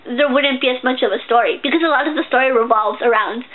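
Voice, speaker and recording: High-voiced young woman, tinny phone-like sound. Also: fast. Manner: chatty, gushing, many fillers and restarts. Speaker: book reviewer. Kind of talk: casual book review vlog.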